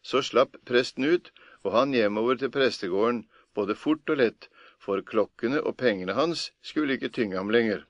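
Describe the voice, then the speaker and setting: A man reading a folk tale aloud as an audiobook narrator, in a measured, plain storytelling manner. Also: medium pitch, no room sound, dull audio.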